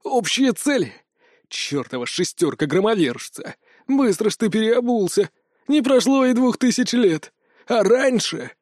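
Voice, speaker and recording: Man voicing a trickster god, shrill, whiny, theatrical, high, dry close sound. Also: expressive, normal speed, mellow, dry recording. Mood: indignant. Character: sarcastic ancient trickster god, male, whiny.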